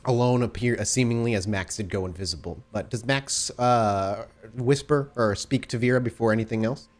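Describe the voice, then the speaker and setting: A man serving as game master narrates a tabletop game in a cinematic, deliberate, dramatic style. His voice sits at a medium pitch.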